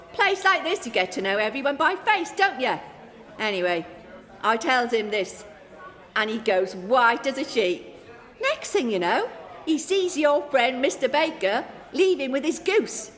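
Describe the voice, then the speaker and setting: Hear a foul-tempered, feisty landlady of a London pub, a Cockney character in a comic radio play, hurling slang-filled threats in a high, brash, forceful voice. Though very animated, she speaks at a measured pace. The hall around her is reverberant, with a crowd behind.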